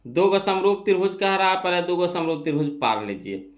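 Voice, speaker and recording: A young male math teacher with a fairly high voice. He walks through each exam problem step by step, putting questions to himself, answering them, and repeating key phrases. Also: sing-song, brisk. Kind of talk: exam-prep math lesson.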